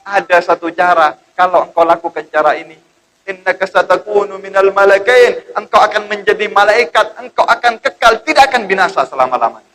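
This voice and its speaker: A man's voice: sits high, a little fast, a bit bright, rough recording. A man voicing a scheming devil who fakes weeping and pleads and swears insistent oaths. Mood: pleading tearful.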